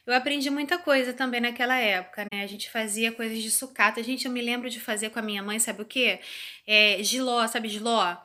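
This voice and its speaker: A woman's voice: on the high side, pushed and bright. A woman in her thirties casually telling viewers a childhood story, chatty and full of tag questions. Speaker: vlogger.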